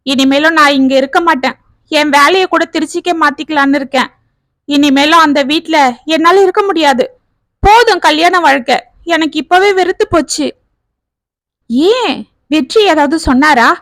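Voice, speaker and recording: A woman's voice: high-pitched, moderate pace, a bit bright, no room sound, voice pushed up. A woman voicing a distressed young wife who has left her husband's home. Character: young woman fleeing her marriage, tearful.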